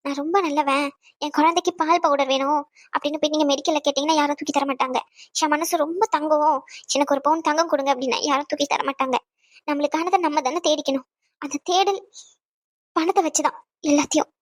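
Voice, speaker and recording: A woman's voice: high-pitched, fairly even intonation, fast talker, no echo, studio quality, lightly acted. A woman voicing a proud, resentful young wife in a cartoon, answering in a cold, defiant way. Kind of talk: cartoon voice acting.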